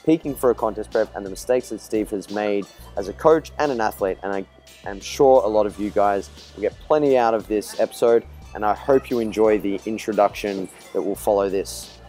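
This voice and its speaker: A man's voice: fairly low pitch, a little fast, warm tone, soft background music. Upbeat man hosting a podcast. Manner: upbeat, teasing, chatty. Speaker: podcast host. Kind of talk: casual podcast interview.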